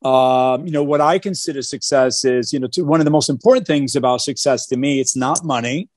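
In a clean, dry studio-quality recording, a Portuguese man answers casual interview questions about his life as a video call guest. His mid-range voice is fairly quick, and his earnest speech is full of fillers and repeated starts.

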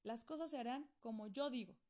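In a storybook reading, a woman with a fairly high, darkish, near-everyday voice plays a strict, authoritarian middle-aged doctor uncle. She speaks briskly, formal and scolding, in a stern mood.

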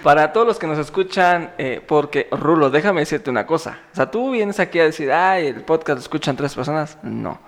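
A man's voice: on the high side, animated, brisk, few pauses. A man in his thirties with a Mexico City accent, hosting a casual podcast chat with friends, joking and teasing. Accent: Mexico City Spanish. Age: 30s. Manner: joking, teasing, laughs often. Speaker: podcast host.

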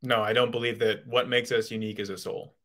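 A man's voice: fairly low pitch, steady tone, fast talker, a bit bright, slight background noise. A male guest in a casual call-in debate, explaining his views with lots of hedging and restarts.

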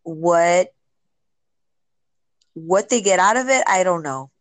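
A woman being interviewed, a social worker, speaking earnestly and haltingly with many restarts. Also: on the low side, lively intonation, no room sound. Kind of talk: emotional interview talk.

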